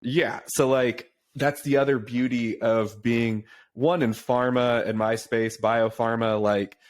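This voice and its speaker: A young man hosting a casual podcast over a remote call, talking in a relaxed, chatty way. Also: mid-range voice, takes it slowly. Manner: relaxed, chatty, says "dude" and "uh" often. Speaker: podcast host, pharma sales rep.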